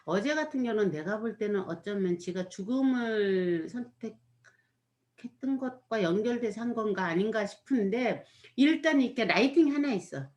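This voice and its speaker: In a casual, reflective chat, a woman with an expressive, mid-range, slightly mellow voice rambles through her story of a performance she watched, at a normal speed. Her speech is packed with fillers, especially "이렇게."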